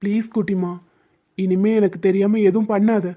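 A woman's voice: medium pitch, fairly even intonation, moderate pace, close to an everyday voice. A woman voicing a young husband in a cartoon, doting and teasing, coaxing with playful scolding. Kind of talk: cartoon dubbing. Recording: tinny phone-like sound.

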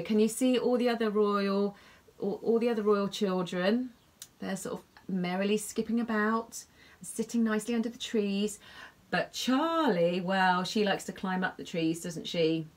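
A woman reading a bedtime story aloud to children, gasping and pausing to ask them about the pictures. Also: mid-range voice. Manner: expressive, gasping, asks the listener questions about the pictures.

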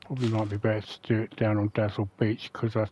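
A man's voice: fairly low pitch, level tone, fast talker, dark tone, a little hiss or hum. A man giving casual let's-play commentary, thinking aloud and muttering to himself as he plays. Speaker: gameplay commentator. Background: faint game music.

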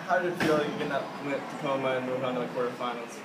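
A male sports reporter fires off rambling questions at a very fast pace. He is heard from a distance in an echoing arena. Loud noise fills the background. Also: mid-range voice, steady tone. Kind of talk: post-game interview. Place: noisy arena after a game. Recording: echoey arena, loud noise, mic from afar.

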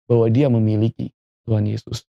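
A man's voice: medium pitch, little pitch movement, fairly quick, creaky, muffled recording. A pastor, explaining his beliefs earnestly in a casual podcast discussion.

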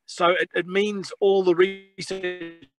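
A man's voice: high voice, level tone, music in the background. Man on a choppy, breaking-up video call. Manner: halting, apologetic, restarts through dropouts. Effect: choppy, breaking-up video call audio. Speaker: conservation researcher. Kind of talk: webinar talk. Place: remote outdoor field site.

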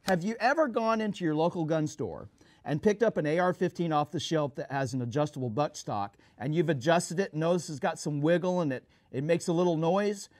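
A man's voice: a little high, lively intonation, a little fast, a little mellow, no echo. A middle-aged man presenting a product review to camera as a show host, in an emphatic, instructional manner, addressing viewers directly. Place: small studio set, indoors at a table.

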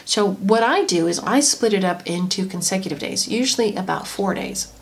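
A woman, a homeschooling mother, gently and chattily explaining a lesson in an instructional tutorial. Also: mid-range voice, moderate pace. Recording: noisy home recording.

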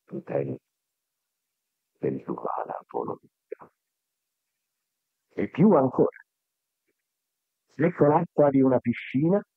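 A man giving a slow, declamatory spiritual discourse, heard from an old worn tape recording. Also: mid-range voice, vocal fry, breathy edge, no echo. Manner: slow, deliberate, declamatory oratory. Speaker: spiritual speaker. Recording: tinny, thin 1970s tape recording.

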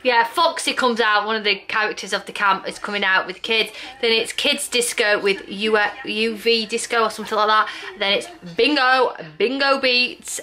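A woman's voice: a little high, fairly even intonation, moderate pace, few pauses, pushed and bright. A woman from England chatting casually to camera as a family vlogger, upbeat and full of ums. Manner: chatty, upbeat, laughs easily, lots of ums. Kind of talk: casual vlog chat to camera.

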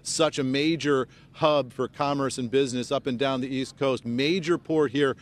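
Steady in tone and speaking at normal speed, an American man in his fifties delivers a live news report outdoors beside a highway, surrounded by press crews. He holds the handheld mic close, and low rumbling noise fills the background.

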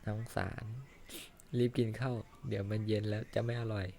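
A man voicing a kind young fisherman in a fan-dubbed cartoon, speaking in a soft, caring, reassuring way. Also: fairly low pitch, flat delivery, a little fast, gravelly. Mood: comforting. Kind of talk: Thai fan dub of an animated series.

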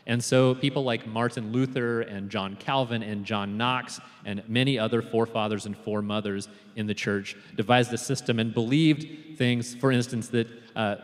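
A man preaching a sermon as pastor, telling stories in a relaxed way with frequent fillers and restarts. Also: fairly low pitch. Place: church sanctuary. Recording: long hall reverb in a church.

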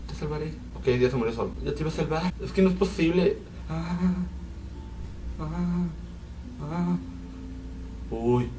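A man's voice: a little high, unhurried, pauses often, mellow. A young man with a Mexican accent giving rambling, joking commentary while playing a video game and exclaiming at it. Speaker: gaming video creator. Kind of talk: casual gameplay commentary. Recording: distant mic with faint background noise.

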